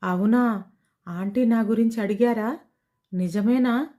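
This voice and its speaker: A woman's voice: on the high side, slow pace, warm tone. Woman reading as an anxious young mother-to-be. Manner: apologetic, anxious, close to tears. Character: ashamed, frightened young pregnant woman.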